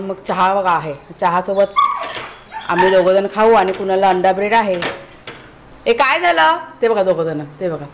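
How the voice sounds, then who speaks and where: A woman's voice: medium pitch, background noise. A woman from Konkan, Maharashtra, chatting casually as she explains her cooking to viewers in a home vlog. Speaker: vlogger. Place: village home kitchen.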